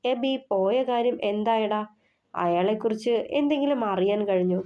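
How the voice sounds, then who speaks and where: A woman's voice: medium pitch, normal speed, dull audio, lightly acted. A woman reading the part of an impatient, protective young husband who presses with questions.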